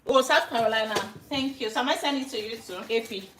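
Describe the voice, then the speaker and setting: A Nigerian cooking-stream host speaks quickly in a fairly high, slightly bright voice as she prepares food in her kitchen. She chats casually with live viewers, greeting them by name, amid roomy echo and slight background noise.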